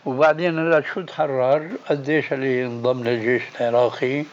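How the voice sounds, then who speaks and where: A man's voice: medium pitch, steady tone, fairly quick. A man, a sheikh questioning his student closely in a lesson, on a dull lo-fi tape. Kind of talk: recorded lesson discussion. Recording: dull lo-fi tape with faint hiss.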